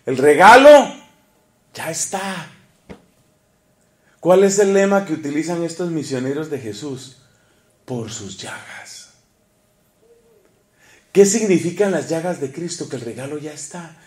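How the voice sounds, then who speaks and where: Animated priest preaching. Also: male voice, fairly high pitch, normal speed, echoey room. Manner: animated, asks the congregation questions, dramatic shifts between loud and hushed. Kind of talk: sermon.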